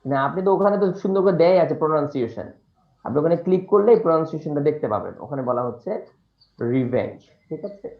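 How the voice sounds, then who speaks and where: In a dull, echoey-sounding room, a man teaching an online class live works patiently on a student's pronunciation, using a few fillers. His voice is fairly high and lively in intonation, and he talks fast.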